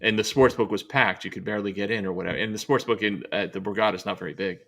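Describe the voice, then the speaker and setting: A man's voice: on the low side, rapid-fire, gravelly, fairly bright tone. A man co-hosting a casual chat, with blunt, teasing and crude banter.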